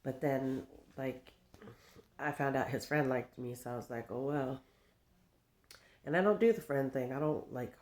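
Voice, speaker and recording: Low-voiced and a little mellow, a talkative woman in her fifties vlogs in a rambling, casual chat to camera. She laughs often, jumps between stories, and talks to her dog in baby talk.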